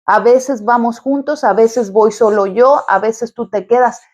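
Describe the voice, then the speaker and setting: A woman's voice: on the high side, measured pace, a little mellow, highs cut off. A woman therapist speaking straight to her viewers in an advice video, explaining step by step in an encouraging way. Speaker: quantum therapist.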